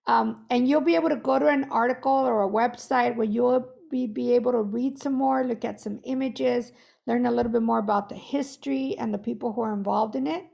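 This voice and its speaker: Hoarse, gravelly woman leading a webinar. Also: on the high side, steady tone, fairly quick, darkish tone. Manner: chatty, guiding, self-correcting. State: losing her voice. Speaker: workshop facilitator. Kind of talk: online workshop instruction. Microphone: video call.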